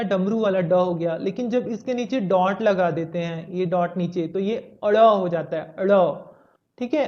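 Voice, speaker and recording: A woman's voice: medium pitch, darkish tone. Woman teacher, patient step-by-step children's lesson, everyday mid-range voice, muffled home recording. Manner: patient, explains step by step, mixes in English words. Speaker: Hindi teacher. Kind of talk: textbook lesson for young children. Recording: slightly dull lo-fi audio.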